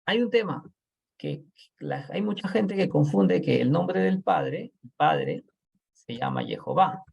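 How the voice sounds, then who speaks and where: A man's voice: high voice, big pitch swings, slow pace, gravelly, breathy edge, dull audio. A man teaching an online Bible class, who explains patiently and keeps checking in with his students.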